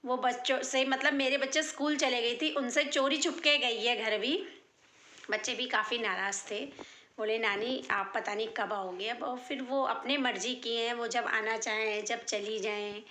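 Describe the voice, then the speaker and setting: A woman's voice: a little high, fairly even intonation, normal speed, bright, forceful tone, reverberant. A woman in her thirties chatting to her viewers in a casual daily vlog, heartfelt and direct. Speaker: vlogger.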